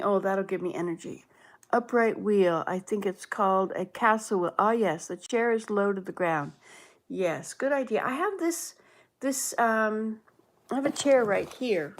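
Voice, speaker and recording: A woman's voice: medium pitch, fairly bright tone. Rambling woman in her sixties. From Canada. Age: 60s. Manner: rambling, musing aloud, reads comments and answers them. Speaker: livestream host. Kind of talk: casual livestream chat reading viewer comments.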